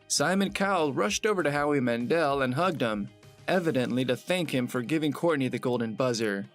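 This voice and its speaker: A man giving a scripted narration in an even, steady reading voice. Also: medium pitch, fairly quick, faint music behind.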